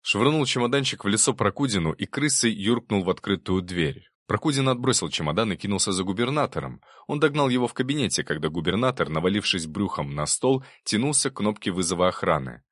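A man narrating an audiobook in a steady, even storytelling manner. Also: lowish voice, fairly quick, few pauses, no echo, studio quality.

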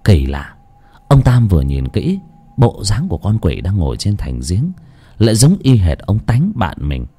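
A man's voice: on the low side, huge pitch swings, moderate pace, dark tone, slightly rough. Dramatic male horror-story narrator.

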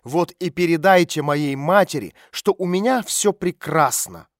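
A man voicing an angry, defiant teenage runaway girl who shouts back sharply in an audiobook. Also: high-pitched, expressive, moderate pace, no room sound, studio quality, voice pushed up. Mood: angry shouting. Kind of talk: audiobook character voice.

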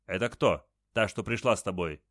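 A stern, elderly crippled chieftain interrogates a stranger in a low, dry voice, as a male storyteller puts him on. Every question lands as a demand, clipped and severe. The reading stays close and dry, with no room around it. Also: moderate pace, fairly bright tone, no room sound. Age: older.

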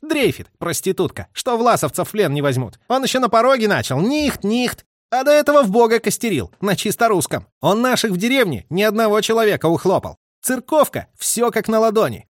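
A man's voice: high-pitched, sing-song, fairly quick, hardly any pauses, no room sound, studio quality, voice pushed up. A man doing a brash, jeering young soldier. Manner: jeering, coarse soldier slang. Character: brash young male soldier, mocking and loud.

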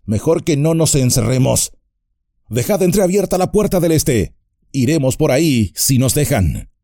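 A man voicing a grave, commanding old male wizard in an audiobook, solemn and measured, turning urgent. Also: medium pitch, very animated, warm tone, dry recording, studio quality, pitched above the performer's own voice.

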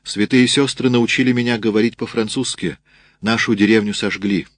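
Guy voicing a scared young peasant mom, timid halting answers, low dry voice. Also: fairly even intonation, dry recording, close to an everyday voice. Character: frightened thin young peasant mother.

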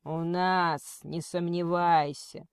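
A woman voicing a cold male kidnapper who threatens slowly and quotes scripture. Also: lowish voice, little pitch movement, clean tone, dry recording, studio quality. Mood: menacing. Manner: slow, menacing, preachy.

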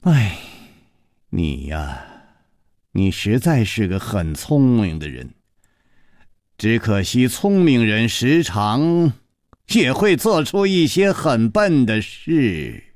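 A male storyteller voicing a ruthless, imperious palace mistress who speaks low, slow and half-whispered with quiet menace. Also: big pitch swings, dry recording, studio quality. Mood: cold menacing.

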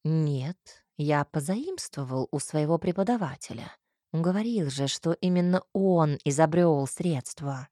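Woman putting on a low, muffled incubus man. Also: animated, measured pace, warm tone, no room sound, studio quality.

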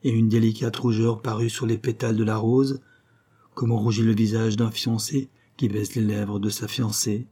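A man reading a fairy tale aloud in a measured, solemn way. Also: on the low side, little pitch movement, dark tone, slightly rough. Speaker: narrator. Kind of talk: storybook reading.

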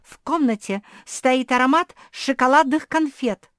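Woman doing a young female cat, touchy and tearful, shrill and high, loud, very close and dry. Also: unhurried, no echo. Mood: insistent. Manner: shrill, loud, sobbing outbursts.

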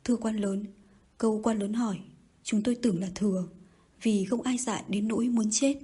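A proud young man answering curtly and stubbornly, as a woman reads him in an audiobook. Her tone stays mellow and breathy throughout. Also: medium pitch, steady tone, normal speed. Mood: defiant. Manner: curt, stubborn replies. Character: proud defiant young man, calm under threat. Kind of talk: audiobook reading.

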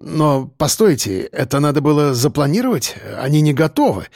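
A man's voice: on the high side, very animated, moderate pace, darkish tone, no room sound, clean studio sound. A man reading an audiobook, voicing a nervous, irritable aging professor who talks hesitantly and defensively.

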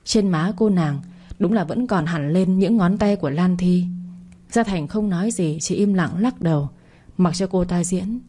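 A woman narrating a serialized story in a steady, even reading. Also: lowish voice, unhurried, husky.

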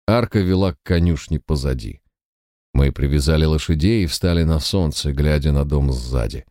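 Deep-voiced man narrating a story. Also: moderate pace, mellow, dry recording, studio quality. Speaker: audiobook narrator. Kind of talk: scripted narration.

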